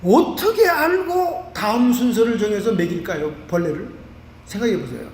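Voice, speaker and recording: A high-voiced Korean man preaching an animated sermon, caught by a mic set back from him. His voice rings through a roomy church hall with a long tail of reverb and a faint hiss underneath. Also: moderate pace, distant mic. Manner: animated preaching with vivid everyday examples. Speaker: pastor. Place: church sanctuary.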